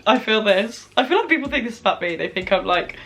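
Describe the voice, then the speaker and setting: A young British woman casually hosting a reaction vlog, gleefully reading and gossiping about confessions in a chatty, expressive, giggly way. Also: mid-range voice, fast talker. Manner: chatty, expressive, mildly swearing. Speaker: video host.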